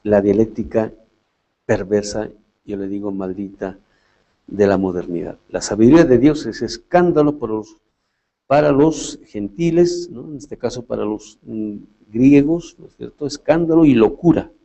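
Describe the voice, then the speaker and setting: A man's voice: fairly low pitch, normal speed, warm tone, low-quality recording. A man giving a philosophy lecture in a reflective way, often tagging his points with questions and restarting his phrases. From Latin America.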